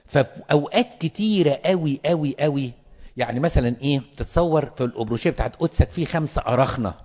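A man's voice: fairly high pitch, animated, rapid-fire, a little mellow. Man, Egyptian Arabic accent, clergy lecture, emphatic repetition, dull echoey hall recording. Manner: emphatic, repeats words for stress. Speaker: clergyman teaching priests.

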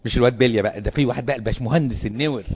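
A man with an Egyptian Arabic accent speaks quickly, a priest addressing clergy in an animated, sermon-like way and throwing out rhetorical questions. His voice is mellow and husky, and the recording sounds dull and lo-fi. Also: medium pitch. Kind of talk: lively sermon-style talk to clergy.

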